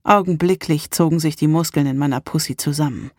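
A woman narrating a first-person erotic story in a calm, intimate reading style. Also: deep voice, a little fast, no echo, clean studio sound. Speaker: audiobook narrator.

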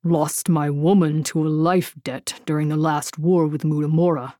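A woman voicing a weary giant man in an audiobook, speaking slowly and gruffly. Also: low-pitched, darkish tone, dry recording, studio quality.

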